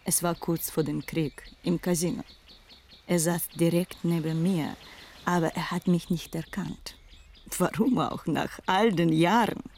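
A woman's voice: on the low side, unhurried. A worldly, wistful woman of the past. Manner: hushed, often whispering, wistful. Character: worldly woman recalling a lost lover. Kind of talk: radio play acting.

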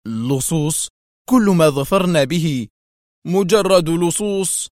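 A man's voice: fairly high pitch, brisk, dry recording, studio quality, pitched above the performer's own voice, natural voice. A man voicing a tense, fierce male intelligence officer who speaks with agitated, commanding harshness.

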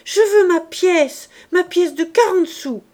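Little boy, tearful and shrill, audiobook; woman reader doing the voice. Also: expressive, slow. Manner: high, pleading, then shouting. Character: small pleading, crying Savoyard boy.

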